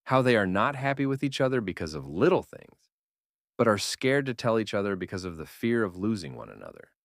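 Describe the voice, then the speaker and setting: A man narrates a scripted video essay in a fairly low voice. His pitch moves around in a lively way, and the recording is dry and close. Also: fairly quick, no room sound.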